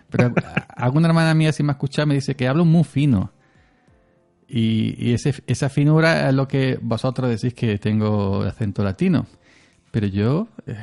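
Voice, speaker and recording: This Andalusian podcast co-host rambles through relaxed conversation with plenty of chuckles and a clear Andalusian Spanish accent. He speaks in a mid-range voice that's gravelly yet a bit mellow.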